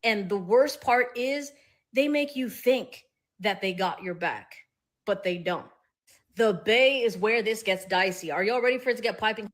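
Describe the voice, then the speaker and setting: A woman's voice: mid-range voice, moderate pace. A woman giving a blunt, profane, emphatic rant straight to camera as a social media commentator.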